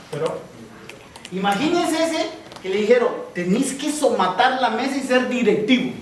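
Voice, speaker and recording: A man, giving a lively talk to students, often asking the room questions and acting out small scenes. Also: sits high, far from the mic, noisy background. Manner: asks the audience constant questions; acts out both sides of little scenes. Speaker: speaker at a university talk. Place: large hall with audience. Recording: echoey lecture hall, voice heard from afar.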